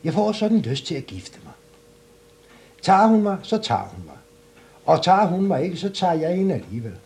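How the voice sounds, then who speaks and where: A boastful young simpleton, loud and gleeful, leaping up high with every cry, as a man puts him on. Storybook voice, lively and full of swings. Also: vocal fry, full character voice.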